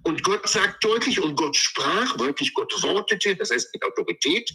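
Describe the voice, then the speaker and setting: A man's voice: high-pitched, lively intonation, moderate pace, bright, forceful tone, breathy edge, rough recording. A man giving an emphatic, sermon-like Torah commentary, drawing words out and repeating phrases for stress. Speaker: Torah teacher.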